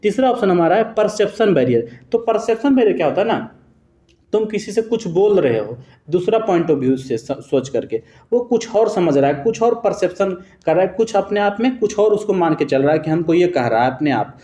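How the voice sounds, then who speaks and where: A man's voice: high-pitched, big pitch swings, normal speed, warm tone, echoey room. A man teaching an exam-prep lesson, walking students through answer choices step by step, quizzing them with rhetorical questions and now and then correcting himself mid-sentence. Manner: addresses students fondly as "babu".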